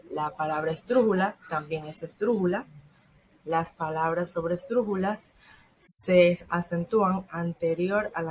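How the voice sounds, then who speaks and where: Teen girl reading her school grammar lesson, lowish voice, bit of faint room hiss behind. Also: low-quality recording. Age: teens. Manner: reads steadily from a script, slowing on examples. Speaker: secondary school student presenting. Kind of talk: read-aloud school lesson presentation.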